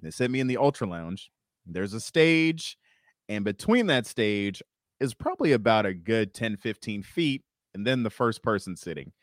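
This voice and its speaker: A man, a stand-up comedian, telling work stories in casual chat, animated and profane, acting out the people he quotes. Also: on the low side, normal speed, no echo, clean studio sound. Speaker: stand-up comedian, podcast guest.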